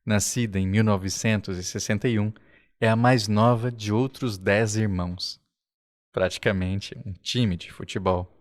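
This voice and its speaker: A man with a Brazilian Portuguese accent, narrating a documentary podcast in a slow, reflective way. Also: on the low side, fairly even intonation. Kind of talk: scripted narration. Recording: faint music underneath.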